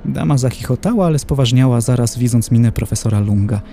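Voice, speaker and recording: A man narrating a horror audiobook in a low, grave and deliberate manner. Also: vocal fry, warm tone, soft background music.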